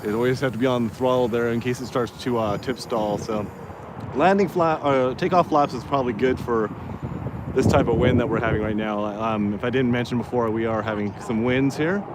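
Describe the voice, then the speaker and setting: A man's voice: medium pitch, fairly quick. Man chatting casually through windy outdoor noise. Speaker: radio-control plane vlogger. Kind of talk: casual live commentary while flying a model plane. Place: outdoors by a road in wind. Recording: noisy windy outdoor recording with vehicle sound. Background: wind and outdoor motor noise.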